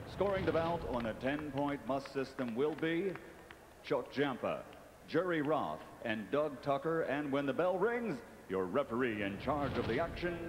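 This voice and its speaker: A man working as a boxing ring announcer, theatrical and showman-like, stretching out names in a grand fight-night delivery. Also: medium pitch. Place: large indoor boxing arena. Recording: echoing arena PA with clear background noise.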